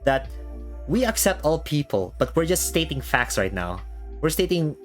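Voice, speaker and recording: A man chatting casually as a streaming show host, haltingly, often repeating words as he thinks. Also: on the high side, sing-song. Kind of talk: casual chat. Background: background music.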